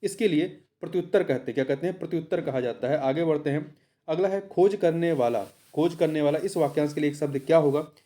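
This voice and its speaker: A man's voice: on the high side, brisk, dark tone. A man working through a practice exam, who asks a question, answers it himself and repeats the key word. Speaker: exam tutor. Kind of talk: solving a practice paper aloud.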